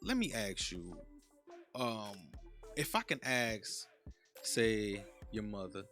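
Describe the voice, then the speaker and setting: A man in his thirties hosting a podcast interview, laid-back and slangy, often trailing off into soft low mumbles. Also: very animated, slow pace, faint music behind. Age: 30s. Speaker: podcast host. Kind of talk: casual interview chat.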